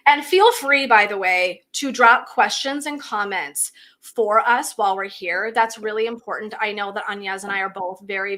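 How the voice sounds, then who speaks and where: A woman's voice: mid-range voice, fairly bright tone. A woman hosting a live video stream, chatting in a bubbly, effusive way. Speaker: host.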